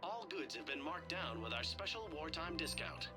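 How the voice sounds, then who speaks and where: A man's voice: on the high side, very animated, moderate pace. A man voicing an in-game shop announcer, delivering polished store-announcement patter. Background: game music.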